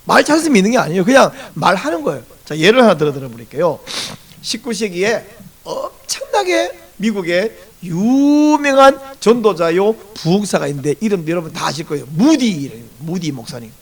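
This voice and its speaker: A man's voice: high voice, normal speed. A male pastor giving a Sunday sermon, telling stories animatedly and acting out bits of dialogue in different voices. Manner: animated storytelling, acts out dialogue in varied voices.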